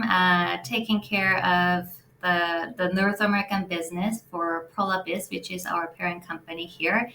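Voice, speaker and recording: A woman in her forties from South Korea with a Korean accent, talking earnestly as a guest in a conference fireside chat and pausing on fillers. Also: mid-range voice, pushed and bright, roomy sound. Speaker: CEO guest.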